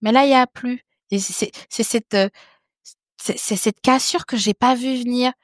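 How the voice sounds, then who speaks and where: A woman's voice: on the high side, steady tone, normal speed, dry recording, studio quality. A woman in her thirties, a podcast guest talking frankly and casually, often repeating words and restarting her sentences. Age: 30s. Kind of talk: casual conversation.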